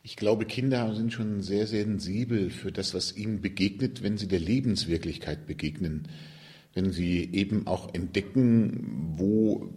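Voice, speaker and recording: Low-voiced priest giving thoughtful answers. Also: male voice, a little slow, dark tone. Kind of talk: radio interview answers.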